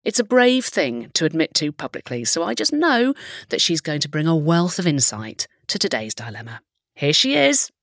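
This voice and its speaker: A woman from the English Midlands hosting a podcast, expressive and teasing, moving between polished introductions and playful interview chat. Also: low voice, normal speed, no echo, clean studio sound. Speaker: podcast host.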